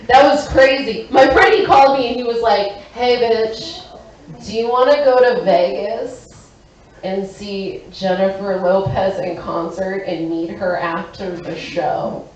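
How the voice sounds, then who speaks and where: A woman performing a stand-up comedy set, brash and excitable, shouting her punchlines. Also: mid-range voice, a little slow, lo-fi sound, slight background noise. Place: comedy stage in a hotel venue. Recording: echoey room, from a distance.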